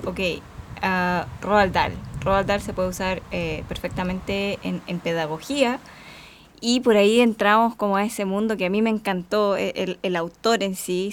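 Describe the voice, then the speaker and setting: A woman, animatedly answering as a guest artist in an interview. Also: medium pitch.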